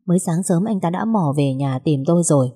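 Woman storyteller, low pitch, husky, even first-person reading. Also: a little fast. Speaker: story narrator.

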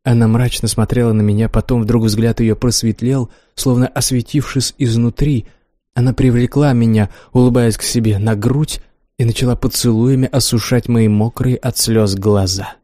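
A man narrates a novel in the first person, reading expressively and with feeling. His voice is mellow and warm, never sharp. The recording is dry and close, with no room sound. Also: mid-range voice, steady tone, moderate pace, dry recording. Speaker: audiobook narrator.

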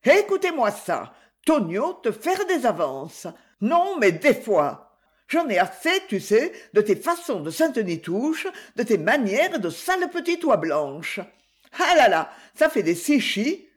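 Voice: mid-range voice, big pitch swings, unhurried, voice pushed up. A reader voicing a furious, jealous young female cabaret dancer who shrieks insults in an audiobook. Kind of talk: audiobook reading.

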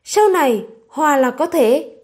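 A woman's voice: sits high, animated, unhurried, a little mellow. A woman voicing an earnest young woman, heir to a martial sect, calling out with urgency in a storybook reading. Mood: urgent.

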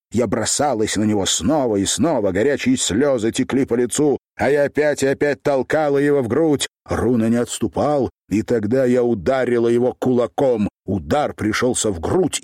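A man narrating an audiobook in a steady storytelling manner. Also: medium pitch, no room sound, studio quality.

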